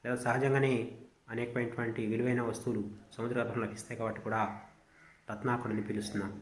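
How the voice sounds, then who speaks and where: A man's voice of middle pitch, heard in a roomy, echoing space. He teaches Sanskrit in a measured lecture. He recites each verse line slowly, then explains it at length. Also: level tone.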